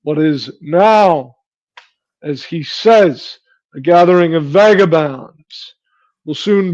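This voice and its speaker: A man playing a grave, resolute male leader in a tabletop game, with measured delivery. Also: fairly high pitch, darkish tone, highs cut off.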